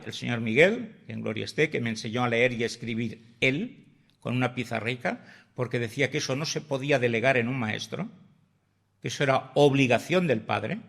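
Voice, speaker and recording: Gravelly older man telling war stories. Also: mid-range voice, lively intonation, normal speed, a bit bright. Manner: vivid anecdotal storyteller, acts out dialogue, swears casually. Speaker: guest. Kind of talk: storytelling in a podcast interview.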